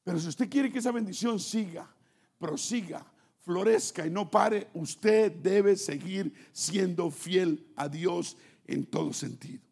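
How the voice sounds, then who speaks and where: Preacher, man, high-pitched and gravelly, animated storytelling sermon that swings from hush to near-shouting. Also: takes it slowly. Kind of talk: sermon with personal testimony.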